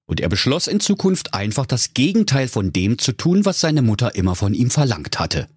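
A man reading a comic fairy-tale story with deadpan, playful emphasis. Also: mid-range voice, moderate pace, husky, no room sound, clean studio sound.

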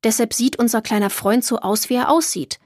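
A woman voicing a kindly, jovial old grandfather in a children's audiobook, in a warm storytelling manner. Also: on the high side, a little fast, no echo, clean studio sound, natural voice.

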